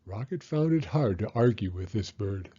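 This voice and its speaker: A man reading a children's picture book aloud as an expressive narrator. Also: lowish voice, normal speed, breathy edge, highs cut off. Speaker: storybook reader.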